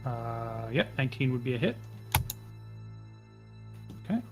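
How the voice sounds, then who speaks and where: Man in the dungeon master's chair, mid-pitched, laid-back narration of a tabletop session. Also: unhurried, music in the background. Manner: relaxed, checking rules aloud with many fillers.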